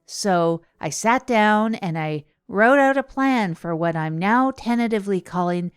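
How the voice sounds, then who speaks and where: A woman plays a self-deprecating radio host and narrator in an improvised comedy audio drama, rambling chattily and wryly about her self-improvement attempts with plenty of digressions. Her medium-pitched voice is expressive, clear, and resonant, a little slow and natural-sounding, in a dry, studio-quality recording.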